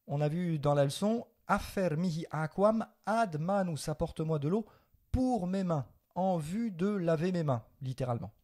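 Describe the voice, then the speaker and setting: A man's voice: on the high side, expressive, moderate pace, mellow. A man from France teaching a spoken Latin lesson, patiently explaining and correcting.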